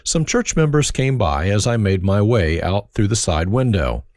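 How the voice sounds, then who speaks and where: A man's voice: lowish voice, sing-song, moderate pace, darkish tone, dry recording. An older man with a German accent, reading his autobiography aloud in a reflective tone with dry wit. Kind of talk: autobiographical narration.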